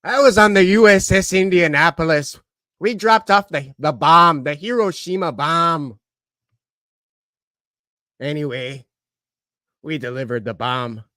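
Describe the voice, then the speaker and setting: A man doing an impression of a gruff old male sea captain who talks tersely in broken grammar. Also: on the high side, a little slow, long pauses, sharp tone, no room sound, clean studio sound, voice pushed down. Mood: wistful.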